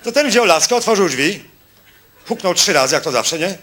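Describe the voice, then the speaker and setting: A man's voice: high-pitched, expressive, bright, forceful tone, a little hiss or hum. Man doing mocking stand-up comedy. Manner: quick punchlines, mocking, talks to the audience. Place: stage before a live audience.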